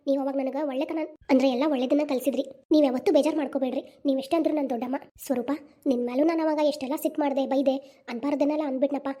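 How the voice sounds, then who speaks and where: Heartfelt village women of a family voiced by one woman plead and comfort in a North Karnataka accent. The voice sits high and moves quickly. It suits a homemade cartoon family drama. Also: steady tone, warm tone, close to an everyday voice. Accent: North Karnataka Kannada. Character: village women of a family, emotional aunt and niece. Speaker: main voice actor of a cartoon channel.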